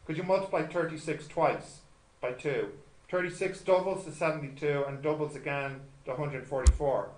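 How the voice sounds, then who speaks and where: Thinking aloud as he solves problems, a man tutors students in maths informally, often asking checking questions and making light of himself. He talks at normal speed, his voice on the high side with a darkish tone. The echoey room carries noticeable noise.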